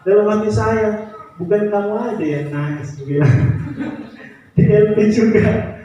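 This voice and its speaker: A male pastor delivers an animated, story-filled sermon, chuckling often between lines. His voice sits high for a man. It rings through a very echoey church hall from a distance, with a dull, muffled tone. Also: unhurried, slight background noise. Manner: animated, chuckles often, addresses congregation as saudara.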